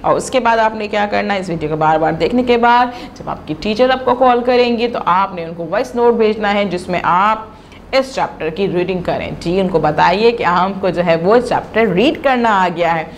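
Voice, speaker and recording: A woman's voice: mid-range voice, normal speed, a little hiss or hum. A woman teaching an online reading lesson to children, saying each word three times for them to repeat, then praising them.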